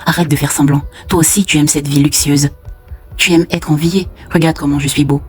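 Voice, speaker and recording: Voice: medium pitch, fairly even intonation, fairly quick, husky, faint music behind, natural voice. A storyteller doing Bida, a vain, mocking husband. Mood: scornful. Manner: mocking, boastful. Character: vain cruel unfaithful husband, grown man.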